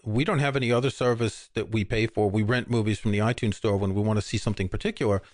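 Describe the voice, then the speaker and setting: Speaking fast in a fairly low voice, an older podcast co-host rambles easily through a casual conversation about music, frequently starting his sentences over. The audio is studio quality with no echo.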